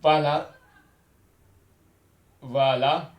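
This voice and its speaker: A man teaching beginners Arabic in a slow, patient lesson, repeating himself and saying "voilà" often. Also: fairly high pitch, fairly even intonation, echoey room, lo-fi sound.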